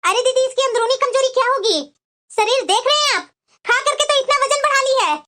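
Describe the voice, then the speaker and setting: A woman voicing a scolding, taunting middle-aged mother-in-law in a cartoon, talking in a sharp lecturing way. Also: very high-pitched, a little fast. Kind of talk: cartoon voice acting.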